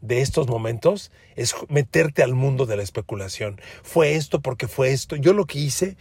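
Mexican guy ranting on a sports podcast, kinda husky, dry sound, keeps saying friends and repeating stuff. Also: mid-range voice, animated, moderate pace, darkish tone, no echo. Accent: Mexican Spanish. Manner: emphatic, addresses listeners as friends, repeats words for stress. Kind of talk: sports commentary monologue.

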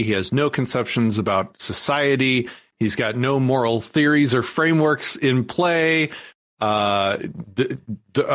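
A man's voice: medium pitch, a bit bright. A man who is a guest on a podcast, explaining a topic in a rambling way with frequent restarts. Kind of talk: casual podcast conversation.

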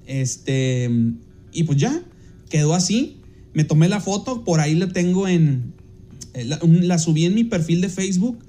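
Mexican man, podcast host, rambling anecdote, lots of fillers, fairly high voice, mellow tone. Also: expressive, a little slow. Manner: rambling, with many fillers and self-corrections; slips into livelier, higher voices when quoting people. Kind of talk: casual anecdote telling.

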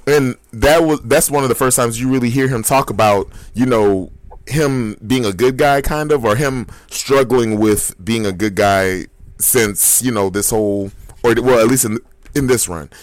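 A man co-hosting a podcast, chatting casually about comics and reacting with animated, high-pitched disbelief. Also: moderate pace, dry recording. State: hiccups. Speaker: podcast co-host. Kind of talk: casual comic book chat.

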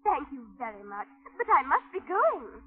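A woman's voice: sits high, sing-song, moderate pace. A woman playing a polite, curious, easily flustered young girl in an old radio drama, prim and exclamatory. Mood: polite, hurried. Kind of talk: 1950s radio drama acting. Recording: tinny old radio recording.

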